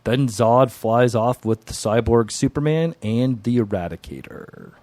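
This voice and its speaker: A man co-hosts a casual comics podcast, summarizing a story and then weighing his rating with halting, repeated starts. His pitch sits in the middle range. The recording is dry and close. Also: lively intonation, a little mellow, no echo. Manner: hesitant, repeats words when giving opinions. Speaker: podcast co-host. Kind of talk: casual comic book recap.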